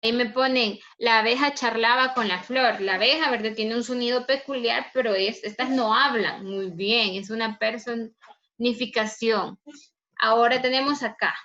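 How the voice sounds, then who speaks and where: A woman teacher giving a review lesson, speaking slowly and stretching words out syllable by syllable, asking the class questions and answering them herself. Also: on the high side, sharp tone, highs cut off. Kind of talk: recorded review lesson over screen slides.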